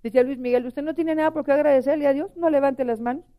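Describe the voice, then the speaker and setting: A woman gives a fervent sermon testimony. Her voice sits high, and she keeps turning to the congregation with questions. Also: steady tone, quick pace, muffled recording. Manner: impassioned, asks the congregation questions. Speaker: preacher.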